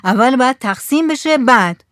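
A woman's voice: sits high, expressive, no echo, clean studio sound, voice pushed up. A woman voicing a greedy, joking village man in a storybook reading.

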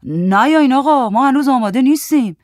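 Narrator playing a flustered young guy, storybook, hurried. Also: high-pitched, dry recording, studio quality, close to an everyday voice. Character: flustered young adult man, Vahid.

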